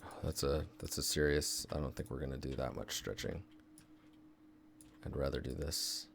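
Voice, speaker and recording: A game environment artist from Seattle, Washington State, he is a young man chatting with viewers during an easygoing live-stream tutorial at his desk, answering chat and thinking aloud. His rumbling low voice has vocal fry, a level tone and a normal pace.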